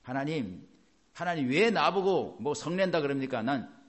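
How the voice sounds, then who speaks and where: A man's voice: fairly high pitch, animated, normal speed, lightly acted. A man acting out a sulking prophet who argues back at God, defiant and complaining.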